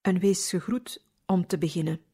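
A woman reading a religious story aloud in calm, measured scripted narration. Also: lowish voice, creaky, slightly rough. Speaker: audiobook reader.

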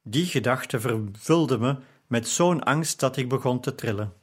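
A man narrating an audiobook in a steady, measured first-person delivery. His voice sits at an ordinary middle pitch for a man, unhurried and even. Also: slightly rough.

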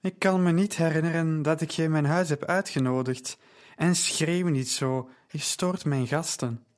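A man reading the part of a poised wealthy woman who speaks calmly and firmly. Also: a little high, moderate pace, lightly acted. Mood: cool, firm.

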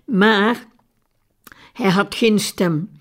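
A woman reading a biographical story aloud in a calm, measured way. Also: medium pitch. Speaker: narrator. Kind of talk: scripted audiobook narration.

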